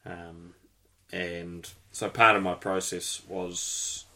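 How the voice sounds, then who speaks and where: A man's voice: sits low, little pitch movement, extremely slow, pushed and bright. A man chatting casually as host, rambling through technical details and swearing now and then. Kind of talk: casual chat.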